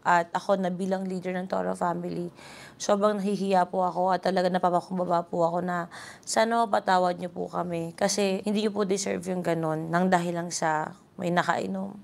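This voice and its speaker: A woman's voice: fairly low pitch, vocal fry. A woman with a Filipino accent giving earnest, frank commentary to camera. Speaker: leader of the vlogging family, commentator. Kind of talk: talk-to-camera commentary and apology.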